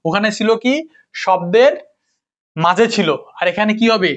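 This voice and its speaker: A man's voice: high-pitched, moderate pace, a bit bright. A young man teaching a casual spoken lesson, asking his students the same questions again and again. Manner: repetitive, drilling questions to students. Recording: dull lo-fi recording.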